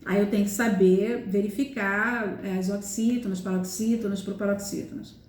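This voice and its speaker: With a mid-range, darkish voice and fairly even intonation, a female Portuguese teacher walks through grammar rules at normal speed in a reverberant room. She repeats her examples and keeps checking in with students through "tá?" and "né?" in this recorded lesson.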